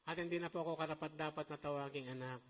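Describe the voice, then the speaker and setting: A middle-aged man preaching a sermon, lively and animated, often checking in with the congregation. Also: fairly high pitch, fast talker. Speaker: pastor. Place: church hall. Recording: long church-hall reverb.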